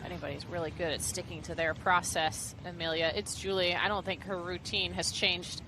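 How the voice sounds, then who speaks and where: A woman's voice: lowish voice, flat delivery, a little fast. A woman giving short on-course golf commentary on shots and putts. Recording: noisy outdoor course sound.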